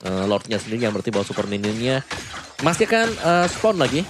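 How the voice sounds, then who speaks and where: A man's voice: mid-range voice, sing-song, quick pace. A man with an Indonesian accent giving live analysis as an esports commentator. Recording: noisy live esports broadcast.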